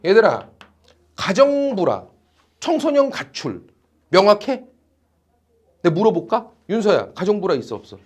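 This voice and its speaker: A man teaching a class at a tutoring academy, animated and teasing, with blunt slang. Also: high-pitched, normal speed, pauses often. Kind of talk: classroom lecture.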